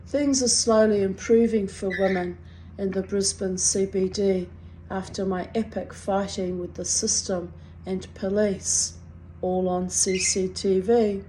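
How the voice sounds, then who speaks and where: Middle aged kiwi woman w a strong nz accent, reading her own stuff out slow and deliberate, kinda wry and dramatic. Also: medium pitch, fairly even intonation, dark tone, slight background noise, rough recording. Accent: strong New Zealand (Kiwi). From New Zealand. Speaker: writer reading own personal writing. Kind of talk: expressive reading of personal confessional prose.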